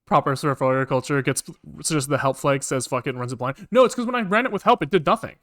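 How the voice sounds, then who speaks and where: Keys clack and mouse clicks sound as a man livestreams his coding, casually thinking aloud, muttering, repeating phrases and swearing now and then. He talks fast in a medium-pitched, slightly bright voice, recorded in studio quality with no echo.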